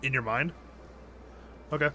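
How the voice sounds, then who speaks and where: A man narrating as dungeon master over a voice call, halting and restarting often. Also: medium pitch, sharp tone, slight background noise. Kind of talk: running a tabletop game.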